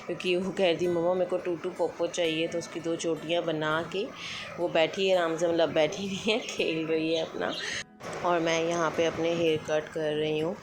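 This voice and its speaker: A woman's voice: deep voice, flat delivery, normal speed. A woman in her thirties, a homemaker, chatting casually through her day at home, thinking aloud and mixing in English words. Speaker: homemaker vlogger. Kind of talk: casual daily vlog narration. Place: home kitchen. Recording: echoey room with background music.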